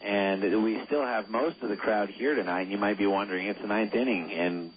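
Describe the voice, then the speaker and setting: A man in the color seat of a local baseball radio broadcast, talking in an easygoing, chatty way. His voice sits on the low side. It comes over a thin, phone-like line with light hiss behind it. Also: fairly quick. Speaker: color commentator.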